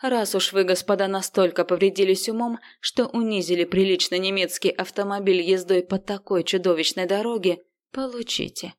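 A woman's voice: medium pitch, normal speed, few pauses, lightly acted. A woman voicing a haughty, offended German minivan with a pompous, indignant manner.

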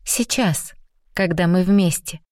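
A woman voicing an eager, earnest young woman in love in an audiobook, her voice lifted high and breathy. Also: very animated, normal speed, darkish tone, dry recording, studio quality. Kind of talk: audiobook reading.

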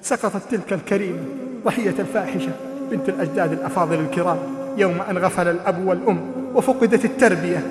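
A male preacher with a very high, quick voice delivers an emotional sermon, swinging into sung and shouted cries. The sound carries a long echo, as if from a large hall. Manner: dramatic, chanting rises into near-shouting. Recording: echoey hall recording.

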